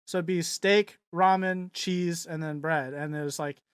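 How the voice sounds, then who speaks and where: A man's voice: on the high side, steady tone, a little slow, clean tone, no echo, clean studio sound. A young man co-hosting a podcast, chatting casually and rambling with many fillers and restarts. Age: young adult. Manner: mimics voices loudly in quotes. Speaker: podcast co-host. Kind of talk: casual chat.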